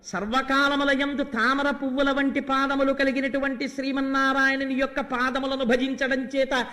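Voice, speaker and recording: Very high-voiced male preacher, echoing hall. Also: pushed and bright. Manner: affectionate, addresses listeners as dear child. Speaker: religious discourse speaker. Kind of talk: devotional sermon storytelling with recited verse. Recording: long hall reverb.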